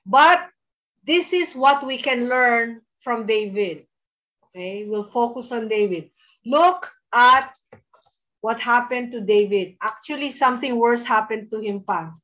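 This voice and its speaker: A woman's voice: a little high, fairly bright tone. A woman with a Filipino accent preaching a sermon, stressing her points and checking in with her listeners through frequent tag questions. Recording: dull lo-fi recording.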